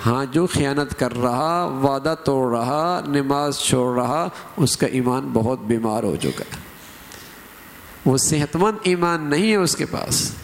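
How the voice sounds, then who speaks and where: A middle-aged man preaching a sermon, emphatic, lifting his voice to act out quoted phrases and examples. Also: medium pitch. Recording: hall with long reverb.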